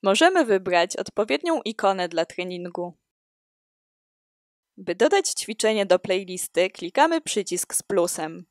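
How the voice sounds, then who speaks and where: A woman reading a scripted walkthrough of an app in a steady, explanatory way. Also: mid-range voice, unhurried, no room sound, studio quality. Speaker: student presenting an app.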